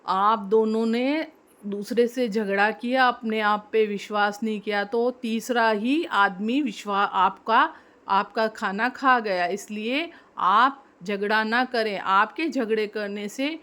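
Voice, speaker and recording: A woman's voice: fairly high pitch, takes it slowly, a bit bright. Sly greedy monkey, as a woman puts him on. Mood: smug. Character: sly greedy male monkey, smug trickster.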